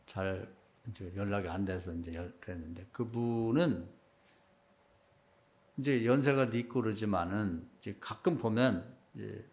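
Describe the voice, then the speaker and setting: A middle-aged man preaching a sermon as pastor, in a conversational style that rises to loud emphatic peaks and drops to quiet asides. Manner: conversational preaching, acts out quoted remarks in a low hushed voice.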